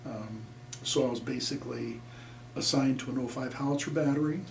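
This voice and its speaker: A man's voice: mid-range voice, fairly quick, vocal fry. Older man recalling his service, roomy sound. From Nebraska, USA. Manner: plainspoken, rambling with frequent fillers. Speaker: veteran being interviewed. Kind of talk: oral history interview. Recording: echoey room, distant mic, faint noise.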